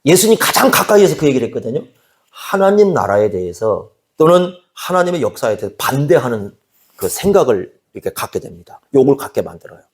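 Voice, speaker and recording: Animated Korean man preaching a sermon. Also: mid-range voice, brisk. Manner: conversational preaching, asks the congregation questions, acts out quoted dialogue. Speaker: pastor.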